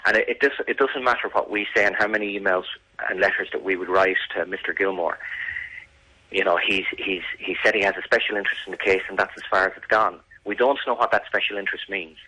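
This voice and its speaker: A man's voice: low voice, steady tone, fast talker, pushed and bright, husky, poor audio. A man giving serious, earnest answers as an interview guest, emphatic and often repeating words. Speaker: radio interview guest, victim's family campaigner.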